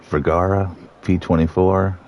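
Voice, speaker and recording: Deep-voiced man calling a race grid. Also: measured pace, muffled recording. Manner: reads out grid positions in a relaxed, joking way. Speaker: sim racing commentator. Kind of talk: live casual race commentary.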